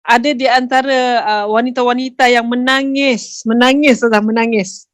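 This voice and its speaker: A woman co-host, quick to agree and laugh in a podcast chat. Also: on the high side, steady tone, no room sound, clean studio sound.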